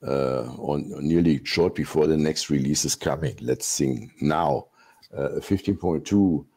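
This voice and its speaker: A man's voice: extremely low pitch, a little slow, dark tone. A man in a video-call meeting, talking through ideas hesitantly and often repeating words. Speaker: community board member. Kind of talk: casual meeting discussion.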